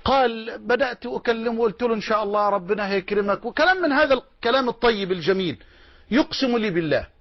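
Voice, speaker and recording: A man with an Egyptian Arabic accent preaching a sermon, with emotional, drawn-out emphasis and repeated exclamations. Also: extremely high pitch, no echo. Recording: muffled dry lo-fi recording.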